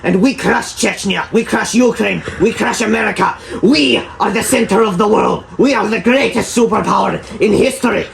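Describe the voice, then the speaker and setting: A man playing a loud, boastful nationalist politician in a comedy sketch. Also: sits high, normal speed, creaky, few pauses. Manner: bombastic, boastful, shouting.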